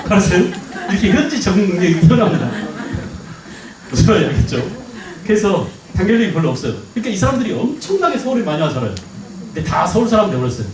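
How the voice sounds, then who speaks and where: A middle-aged man from the Jeolla region giving a lively history lecture, constantly asking the class rhetorical questions to check they follow. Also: high-pitched, quick pace, noisy background. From Jeolla province, Korea. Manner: animated, keeps checking understanding with rhetorical questions. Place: lecture hall. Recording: echoey hall, mic at a distance.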